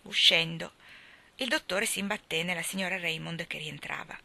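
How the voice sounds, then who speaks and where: A woman reading a novel aloud as an audiobook narrator, expressive and lively in her delivery. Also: on the low side, moderate pace, gravelly. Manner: expressive reading, voicing characters. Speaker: audiobook reader.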